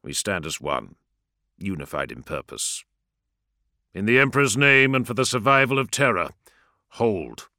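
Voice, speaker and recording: A man's voice: lowish voice, sing-song, a little slow, long pauses, sharp tone, no room sound, clean studio sound, full character voice. A man voicing a grim male warrior king, delivering a solemn, commanding rallying speech.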